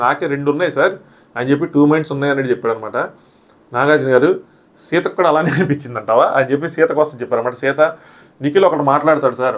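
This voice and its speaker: A man giving a quick, animated review of a reality show, acting out what the contestants said. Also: medium pitch. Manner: animated, re-enacts contestants' quotes. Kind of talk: fast recap commentary.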